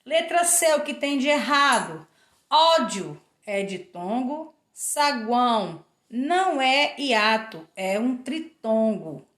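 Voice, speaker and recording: Brazilian woman teacher, slow and methodical, spelling out sounds, echoey room. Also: fairly high pitch, animated, fairly bright tone. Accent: Brazilian Portuguese. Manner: slow, spelling out letters and sounds one word at a time. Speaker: Portuguese teacher. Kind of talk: recorded class review.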